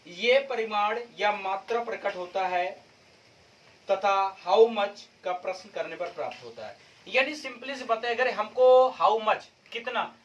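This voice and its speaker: High-voiced man teaching grammar. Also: fairly bright tone, distant mic, low-quality recording. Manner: repeats rhetorical questions to the viewer; mixes English terms into explanation. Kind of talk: classroom-style video lesson.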